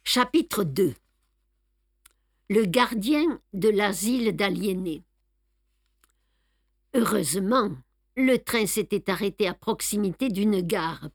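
A woman presenting a book reading on radio, taking her time over each phrase in a careful storytelling manner. Her voice is mid-pitched and sounds close and dry, with no room around it. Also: dry recording. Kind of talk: audiobook reading.

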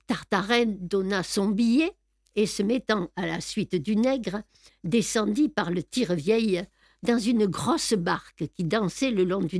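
A woman narrating an audiobook in a measured, expressive storytelling manner. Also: mid-range voice, no room sound, studio quality.

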